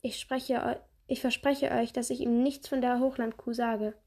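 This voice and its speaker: A woman's voice: fairly high pitch, level tone, normal speed, a little mellow. A woman voicing a sheepish middle-aged male teacher who mumbles meekly, read aloud from a storybook. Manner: mumbling, meek.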